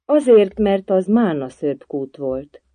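A storybook reader voicing a drowsy dormouse who mumbles a slow fairy tale. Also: mid-range voice, sing-song, mellow, no echo. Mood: sleepy.

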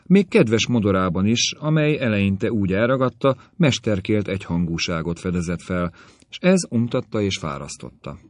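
A man narrating a classic novel as an audiobook, in a measured storytelling manner. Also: on the low side, lively intonation, no echo. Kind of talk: scripted literary narration.

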